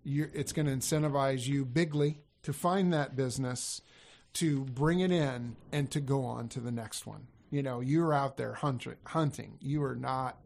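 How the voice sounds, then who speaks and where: A man's voice: mid-range voice, moderate pace, creaky, a little mellow. A man talking casually on a podcast as a sales coach, rambling and correcting himself as he goes. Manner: rambling, self-correcting, laughs easily.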